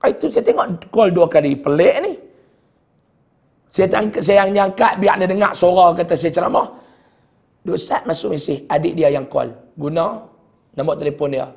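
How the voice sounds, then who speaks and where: Man, middle-aged, Kedah Malay accent, religious teacher, sermon storytelling, rough gravelly voice, heartfelt. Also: high voice, lively intonation, normal speed. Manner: heartfelt storytelling, dropping to a hushed voice at sad moments. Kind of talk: sermon told as a personal story.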